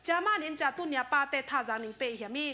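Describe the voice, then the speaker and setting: A woman's voice: high voice, lively intonation, rapid-fire, sharp tone. A woman preaching a sermon in a conversational way, dropping in English words now and then.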